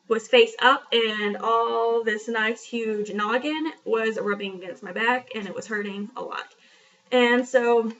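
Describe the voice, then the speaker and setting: A young woman with a slightly high voice talks through a personal story in a frank, chatty vlog, full of fillers and little asides. She sits back from the camera, so the sound is a bit distant. The recording itself is dull and lo-fi. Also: fairly bright tone. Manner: chatty, frank and self-deprecating, with many fillers. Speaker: vlogger. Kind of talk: casual storytelling.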